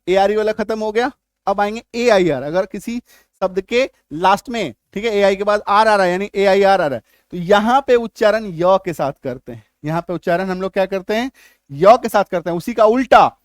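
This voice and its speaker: This middle-aged man's high voice comes through clean studio audio with no echo. Teaching English spelling and pronunciation in Hindi, he repeats the rules and often checks whether his students are following.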